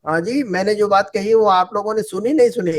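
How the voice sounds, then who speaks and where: High-voiced man teaching Arabic. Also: fairly quick. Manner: patient, repeats phrases and quizzes students. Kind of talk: online class lesson.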